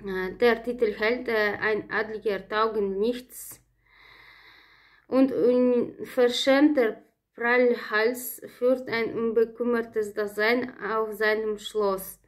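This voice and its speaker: A woman with a fairly high voice reads a prepared lecture from her notes. She stops often on filler sounds and corrects herself partway through words. Her delivery stays steady and lecture-like. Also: slow pace. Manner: reads from notes with frequent "äh" hesitations and self-corrections. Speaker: presenter of a literature talk. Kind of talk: read-aloud lecture.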